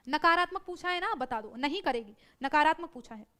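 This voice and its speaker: Teaching exam prep in a live online class, this woman sounds high-pitched, animated, pushed and bright. She moves briskly, self-corrects, and checks on her students repeatedly.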